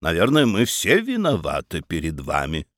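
A man's voice: on the low side, big pitch swings, a little slow, dry recording, studio quality. A man voicing a middle-aged burgomaster, a persuasive official with a soothing, coaxing manner.

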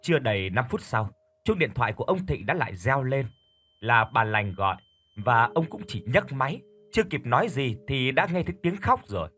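A man narrating a horror audiobook in a calm, measured storytelling voice. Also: medium pitch, breathy edge.

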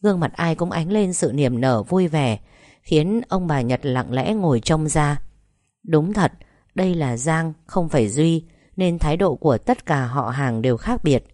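A woman reading a family drama story as narration, steady and even. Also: sits low, measured pace, no echo, clean studio sound. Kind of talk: scripted narration.

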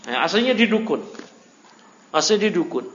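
An Indonesian man preaches in a fairly high voice, keeping it conversational and peppered with rhetorical questions. He is recorded on a dull, muffled amateur recording with a roomy echo and faint background hiss. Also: big pitch swings, normal speed, fairly bright tone. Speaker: Islamic teacher. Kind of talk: religious study lecture.

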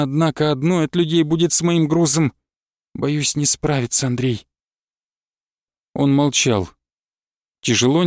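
Male audiobook narrator, slightly higher voice, measured reading, dry close mic. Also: no echo. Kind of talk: audiobook narration of literary prose.

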